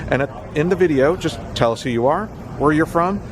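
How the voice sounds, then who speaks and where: A man with a fairly high voice chats casually to viewers as a theme park vlogger. He is outdoors in an amusement park, with clear background noise. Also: lively intonation, fairly quick. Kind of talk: casual vlog talk to viewers.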